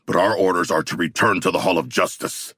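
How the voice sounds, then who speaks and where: A man voicing a huge, earnest shark-man warrior in a video game, gravelly and husky, with stilted, grandiose, literal diction. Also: sits low, fairly even intonation, brisk, sharp tone, no room sound, studio quality, full character voice. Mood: calm, formal. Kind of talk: video game character voice lines.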